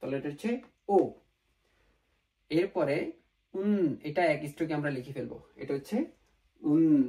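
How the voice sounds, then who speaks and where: A man's voice: a little high, lively intonation, moderate pace, darkish tone, distant mic. A man teaching an online language lesson, patiently going step by step and repeating each sound, with English words mixed into his explanations.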